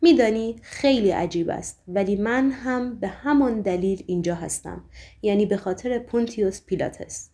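A woman's voice: mid-range voice, lightly acted. A woman voicing a weary, sorrowful man. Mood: calm, sad. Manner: calm, earnest, apologetic.

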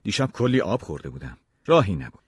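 A man narrating an audiobook story in the first person with expressive storytelling. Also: low-pitched, husky, no room sound, studio quality.

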